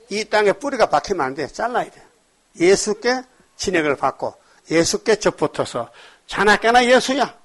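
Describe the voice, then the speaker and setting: A male pastor whose voice sits high preaches an emphatic sermon. He fires rhetorical questions at the congregation and swings between loud exhortation and quiet asides.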